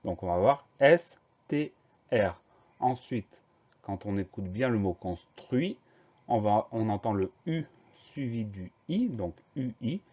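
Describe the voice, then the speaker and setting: A patient man teaching spelling to children, breaking each word into syllables and letters. His voice is mellow and dark, at a middling pitch. The recording is a little muffled and lo-fi. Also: expressive, measured pace. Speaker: primary school teacher.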